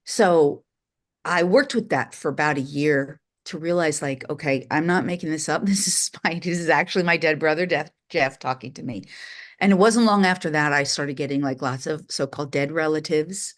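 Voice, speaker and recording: A woman's voice: low voice, moderate pace. A middle-aged woman from New York, a spiritual teacher telling her life story candidly and with animation in an interview.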